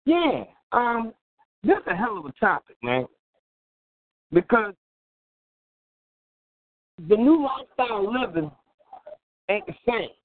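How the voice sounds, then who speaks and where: A fairly high-voiced man calls into a talk show on a crackly phone line that keeps fading in and out. His pitch swings widely as he chuckles and hammers his points home. The sound is thin, tinny and completely dry. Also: slow, long pauses, no echo. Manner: animated, chuckling, repeats himself for emphasis. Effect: patchy phone line that fades in and out. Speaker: radio show co-host calling in. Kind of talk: casual talk radio chat.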